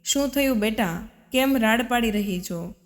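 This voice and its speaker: A woman voicing a gentle middle-aged mother who coaxes and soothes her daughter, in a storybook reading. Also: a little high, lively intonation, unhurried. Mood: soothing. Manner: soothing, coaxing. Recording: long reverb.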